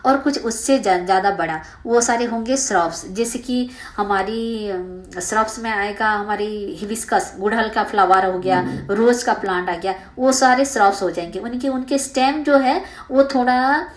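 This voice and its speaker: A woman teaching a school science lesson. She reads textbook lines slowly in English, explains them in Hindi with many fillers, and asks her students questions that she answers herself. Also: mid-range voice.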